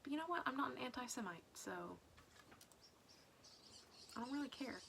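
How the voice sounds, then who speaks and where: A woman's voice: high voice, expressive, moderate pace, gravelly, fairly bright tone, a little hiss or hum. A woman vlogging casually, rambling through questions in a chatty way with many half-whispered asides. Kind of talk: casual video diary chat.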